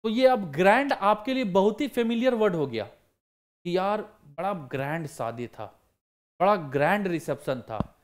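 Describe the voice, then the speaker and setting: A man's voice: sits high, lively intonation, a little slow. A man teaching vocabulary for exam prep, asking the class questions and answering them himself while repeating the key words. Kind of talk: online vocabulary lesson.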